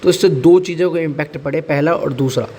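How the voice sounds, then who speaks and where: A man's voice: fairly high pitch, fairly quick, darkish tone. A man teaching exam current affairs in a chatty way, mixing in English and repeating key points for his students.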